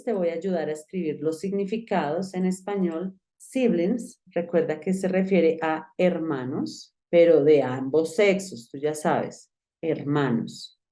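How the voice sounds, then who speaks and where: A woman's voice: fairly low pitch, mellow. A woman teaching an online English grammar lesson, patiently repeating each word. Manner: patient, repeats and spells out words slowly.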